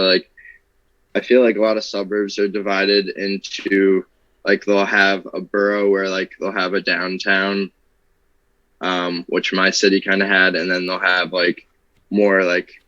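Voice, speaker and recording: A man from a suburb near Philadelphia, talking in a relaxed, rambling way full of "like" and "um" in an online discussion. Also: deep voice, dull audio. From suburb near Philadelphia, United States. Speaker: university student in an online discussion. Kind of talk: casual discussion.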